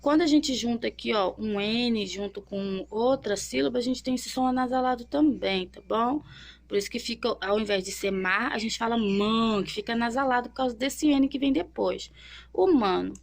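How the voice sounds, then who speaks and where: Gravelly woman teaching children's syllables. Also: fairly high pitch. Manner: slow, sounding out syllables for young children; checks in often with tag questions. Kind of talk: children's literacy lesson while drawing.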